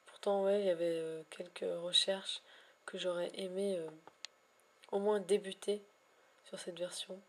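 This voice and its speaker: A woman vlogging about her shiny hunts in a wordy, elaborate way, pausing often with hesitations and gushing affectionately at times. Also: on the low side, flat delivery. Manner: ornate, wordy phrasing with frequent hesitations. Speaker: Pokémon shiny hunter vlogger. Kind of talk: casual vlog narration.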